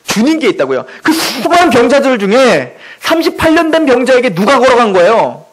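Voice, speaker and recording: A man's voice: extremely high pitch, low-quality recording. A male pastor preaching a sermon in church, emphatic and full of rhetorical questions.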